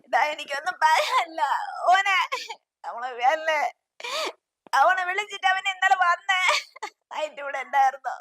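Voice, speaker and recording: A woman's voice: very high voice, lively intonation, normal speed, pauses often, sharp tone, full character voice. A woman playing a sobbing panicked wife. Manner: pleading, repeating urgent calls for help. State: crying. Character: frantic panicked young wife, sobbing and pleading. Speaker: wife who panics after her lover is found dead. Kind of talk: short film acting.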